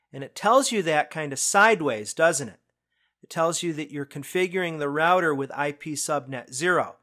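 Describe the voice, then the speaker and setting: A man narrating a screencast lesson on IT certification, explaining questions in a conversational way that speeds up and slows down for emphasis. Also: on the high side, fairly bright tone. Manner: conversational, explanatory, quick bursts then slow emphasis. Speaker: IT certification instructor.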